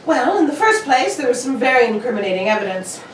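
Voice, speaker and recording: A woman's voice: on the high side, sing-song. Sherlock Holmes played by a woman, roomy and distant. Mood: matter-of-fact. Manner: dry, measured, formal, politely cutting. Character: Sherlock Holmes, cool, incisive gentleman detective. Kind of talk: 1940s radio mystery acting. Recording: roomy, distant, faintly noisy stage recording.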